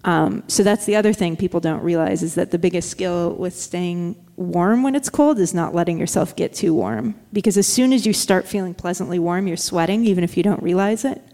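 A woman talks casually and quickly as an interview guest. She fills her speech with fillers and restarts. Her voice carries a long reverb tail. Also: on the low side, gravelly, dark tone. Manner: quick, chatty, many fillers. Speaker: guest, dog musher.

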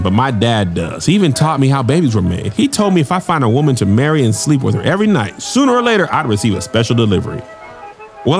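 An actor playing a cheeky young salesman and comedian who cracks jokes in a fast stand-up patter. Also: fairly high pitch, vocal fry. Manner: wisecracking stand-up patter with sudden shouts. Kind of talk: comedic audio drama acting.

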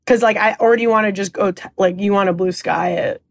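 A woman's voice: medium pitch, fast, vocal fry, dry recording. A woman co-hosting a comedy podcast, rambling through improv banter with lots of fillers and laughter.

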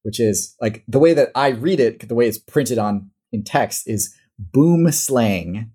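A man's voice: medium pitch, moderate pace, mellow, slightly rough. A man with a Midwestern American accent, talking casually as a podcast guest, rambling and correcting himself as he explains. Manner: rambling, self-correcting, laughs often. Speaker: guest, animal-ranking YouTuber.

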